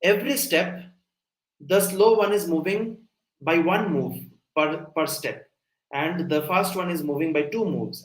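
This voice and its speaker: On a low-quality recording with a roomy sound, a young man whose voice is on the high side gives a live online coding lecture. As the instructor, he explains each step and often checks that his listeners are following.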